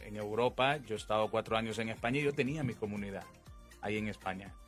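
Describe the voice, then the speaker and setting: Music runs beneath this informal religious talk, in which a priest in his 20s speaks quickly in a lowish voice, stressing his points and repeating phrases as he explains.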